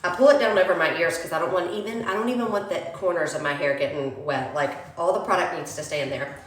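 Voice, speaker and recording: Speaking quickly in a voice on the low side, a young woman beauty vlogger casually chats through hair care while sniffling from a cold. She addresses viewers as y'all, and the home recording is roomy and echoey.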